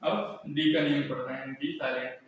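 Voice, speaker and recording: A man's voice: mid-range voice, fairly even intonation, normal speed, slight background noise. Man teaching in an echoey room. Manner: repetitive, asks and answers his own questions. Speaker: English teacher. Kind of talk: classroom lesson. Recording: echoey room, mic far off.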